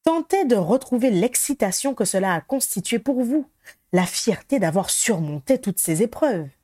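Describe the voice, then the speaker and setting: A woman's voice: on the high side, expressive, normal speed, mellow, no room sound, clean studio sound, voice pushed up. A woman reading the lines of a courteous, enthusiastic male ministry official in a storybook. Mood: eager. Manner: polite and enthusiastic.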